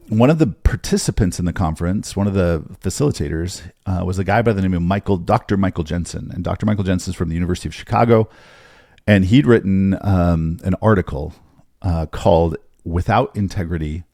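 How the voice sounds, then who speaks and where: Deep-voiced, chatty male podcast host. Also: creaky, dry recording, clean studio sound. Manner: energetic, chatty, laughs often, calls listeners "man". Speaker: podcast host and business coach. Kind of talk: casual podcast monologue.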